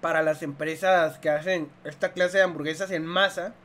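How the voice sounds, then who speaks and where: A young man with a Mexican accent tries food on camera, chatting casually between bites. His talk is jokey, full of slang and swearing, with small chewing hums in the pauses. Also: on the high side, steady tone, fairly bright tone. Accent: Mexican Spanish. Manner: joking, slangy and profane, chews between lines. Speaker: food reviewer. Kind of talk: casual eating review vlog.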